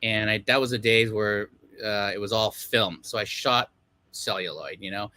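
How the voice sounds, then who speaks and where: On a video call, a middle-aged man from Los Angeles, United States, who works as a film director, chats casually as an interview guest. His voice sits on the low side, pushed and bright, at a moderate pace with no echo. He rambles with plenty of fillers and self-deprecating laughs.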